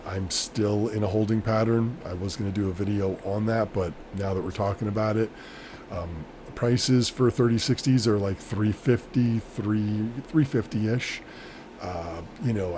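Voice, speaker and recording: A man chatting casually and off the cuff as a solo vlogger, rambling along in a matter-of-fact way. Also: on the low side. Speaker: vlogger, small-scale crypto miner. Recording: clear steady background noise.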